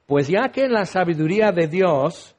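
A man preaching a sermon, lively and acting out the voices of the people he quotes. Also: high-pitched, moderate pace. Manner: animated, acts out quoted voices.

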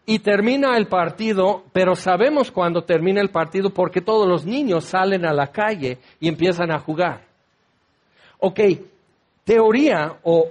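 High-voiced man preaching a sermon. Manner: conversational, uses everyday examples and rhetorical questions.

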